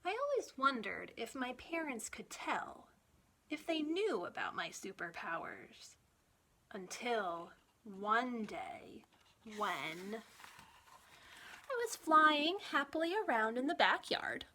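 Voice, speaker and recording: This is a woman children's librarian sharing a picture book with young listeners, reading in an expressive, deliberate storytime way. She has a fairly high pitch, and a little hiss or hum can be heard.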